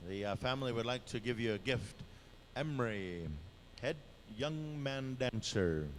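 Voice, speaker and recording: A man working as a powwow emcee, announcing live in an informal, halting way and drawing out the names he calls. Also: mid-range voice, animated. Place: powwow dance arena. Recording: noisy live event PA announcement. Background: clear event noise and ambience.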